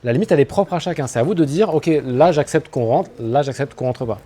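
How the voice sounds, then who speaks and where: A man coaching an audience on public speaking, talking in a lively, animated way with spoken asides. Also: fairly high pitch, fast. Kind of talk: talk to an audience on stage. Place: room with an audience.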